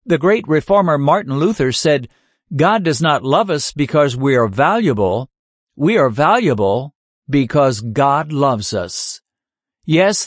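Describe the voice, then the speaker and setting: A man preaching a sermon in an earnest way, asking rhetorical questions and slowing down to stress key lines. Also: a little high, no room sound, clean studio sound.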